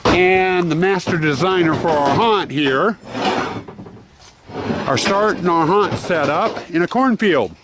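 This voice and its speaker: A man's voice: high voice, slow pace, very noisy. A man hosting a casual vlog outdoors, chatty and laughing at his own jokes. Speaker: vlog host. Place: outdoors in a cornfield.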